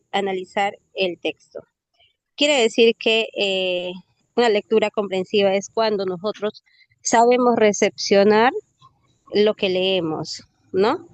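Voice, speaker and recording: A woman's voice: medium pitch, steady tone, a little slow, dry recording. A female student reading a definition aloud in class and then explaining it in her own words. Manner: reads steadily, then explains with "eh" and "¿no?". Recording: dull, lo-fi sound.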